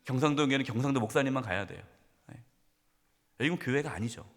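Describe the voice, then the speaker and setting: A middle-aged man, a pastor, preaching a sermon in a church. He swings between loud, emphatic questions and hushed, near-whispered lines. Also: mid-range voice, lively intonation, brisk. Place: church sanctuary. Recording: long church hall reverb.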